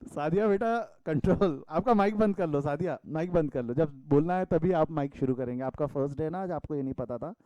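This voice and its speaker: A man from India teaches a commerce class online, his voice pitched high for a man yet mellow and smooth. The sound is close and dry, with no room in it. He mixes into his teaching and teases his students in a fatherly way. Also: brisk, hardly any pauses, no room sound, lo-fi sound. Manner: addresses students as beta, scolds playfully. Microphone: video call.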